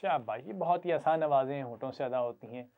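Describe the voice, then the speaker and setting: A man, giving a children's recitation lesson in a patient, slow voice and drilling each sound for them to repeat. His voice sits at a middling pitch. The audio is thin and tinny, like a phone line. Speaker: Quran reading teacher.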